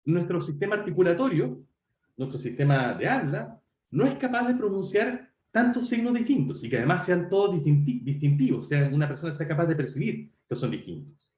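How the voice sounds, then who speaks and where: A man's voice: fairly high pitch, very animated, fairly quick, a little mellow, roomy sound. A man giving an online university lecture, talking conversationally to students and correcting himself as he goes. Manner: conversational, self-correcting, addresses students directly.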